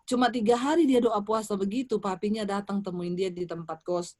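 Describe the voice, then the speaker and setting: A woman's voice: mid-range voice, fairly even intonation, fairly quick, darkish tone. A woman evangelist preaching a sermon at a church service, telling a personal testimony and addressing the congregation directly. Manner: addresses the congregation as "saudara", vivid storytelling.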